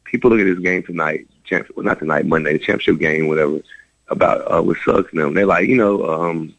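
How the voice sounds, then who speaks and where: A man's voice: deep voice, brisk, creaky, no room sound, poor audio. A man, a former player, telling long stories in a radio interview with lots of restarts. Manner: rambling, animated, many restarts. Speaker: former college basketball player, guest.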